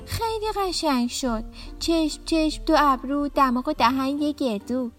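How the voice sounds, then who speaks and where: A woman's voice: sits high, a bit bright, faint music behind, voice pushed up. A woman voicing a mischievous, stubborn young boy in a children's story. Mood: childlike.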